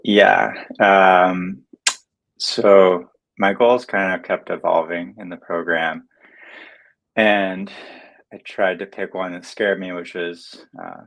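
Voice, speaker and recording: Very deep voiced guy, musician guest on a video call, soft-spoken, lots of ums. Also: fairly even intonation, slow pace, gravelly, rough recording. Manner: soft-spoken, hesitant with many fillers. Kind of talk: livestream interview.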